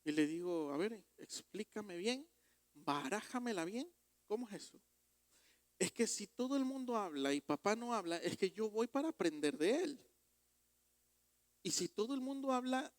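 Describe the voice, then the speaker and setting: A man preaching a sermon as pastor, emphatic and rising to loud exhortations. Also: high voice, no echo. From Ecuador.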